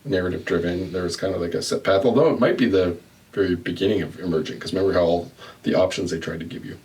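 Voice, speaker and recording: A man's voice: low-pitched, fast, darkish tone. Playful older man hosting a podcast. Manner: joking, sing-song, playful. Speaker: podcast host. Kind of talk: casual chat. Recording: distant mic, faint noise.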